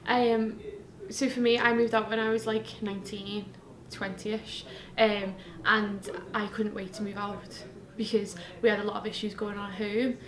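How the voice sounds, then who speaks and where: A woman's voice: medium pitch, little pitch movement, normal speed, a bit bright. A woman in her twenties answering interview questions in a chatty way, full of fillers. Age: 20s. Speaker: student interviewee. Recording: echoey room with crowd chatter.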